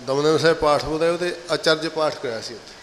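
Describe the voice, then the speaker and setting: A man adding casual, halting remarks about recitation practice. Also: on the high side, a bit bright, in a large hall, a little hiss or hum, low-quality recording. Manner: conversational, halting asides.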